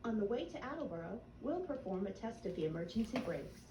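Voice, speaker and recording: A woman making a brisk, formal train announcement over the intercom. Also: medium pitch, sing-song, far from the mic, background noise. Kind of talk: recorded announcement. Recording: echoey intercom heard from afar.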